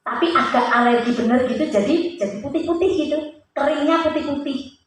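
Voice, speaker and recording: Brief: woman, earnest church testimony, distant mic, booming hall echo. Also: a little fast. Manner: earnest storytelling with questions put to the listeners. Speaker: church speaker giving a testimony. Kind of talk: sermon testimony to a congregation. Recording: very echoey hall, voice off-mic, faint hiss.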